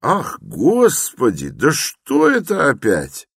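A man's voice: sits low, animated, slow, a bit bright, breathy edge, dry recording, studio quality, exaggerated voice. A man putting on a fawning, fussy old investigator. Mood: alarmed. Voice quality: obsequious, clucking, adds polite "-s" to words. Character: fussy, fawning middle-aged male police investigator.

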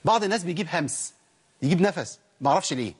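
A fairly high-voiced Egyptian man gives a recitation lesson at a brisk clip, throwing out rhetorical questions and drawing out sung example syllables. His voice is husky. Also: expressive. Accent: Egyptian Arabic. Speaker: Quran recitation teacher. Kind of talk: colloquial tajweed lesson with recited demonstrations.

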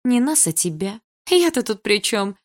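Storybook part: bratty mean-girl teen, loud and mocking as a woman reads her. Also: a little high, very animated, normal speed, voice pushed up. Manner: sharp, sneering, loud.

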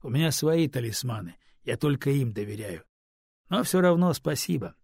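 Man doing a teasing young student, curt, husky, slightly raised voice. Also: mid-range voice, animated, normal speed, darkish tone, no echo, clean studio sound. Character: curt, mocking male student.

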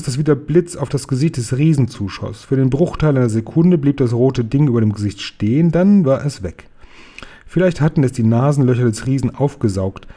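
A man reading a children's storybook aloud, slowly and expressively. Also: mid-range voice. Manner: slow, careful, expressive. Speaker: reader.

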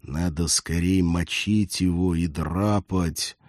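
A man narrating an audiobook in a steady storytelling delivery. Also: low voice, slow, no echo, clean studio sound. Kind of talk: scripted narration.

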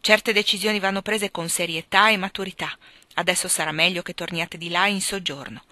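Woman reader doing a stern chilly aunt in an audiobook, formal and firm, bright and dry. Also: fairly low pitch, fairly even intonation, brisk, dry recording. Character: stern, cold older aunt and guardian.

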